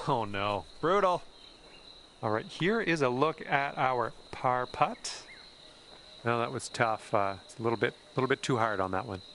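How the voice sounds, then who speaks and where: A man's voice: medium pitch, lively intonation, a little slow, a bit bright, a little hiss or hum. A man playing an upbeat, easygoing golf commentator in a video game, calling shots conversationally with exclamations. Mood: dismayed, wry. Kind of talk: sports commentary.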